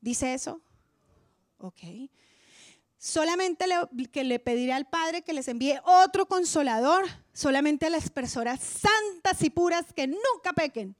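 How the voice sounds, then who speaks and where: A woman preaching a sermon in a church, impassioned, swinging from loud declarations to hushed near-whispers. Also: sits high, animated, a little slow, no echo, studio quality.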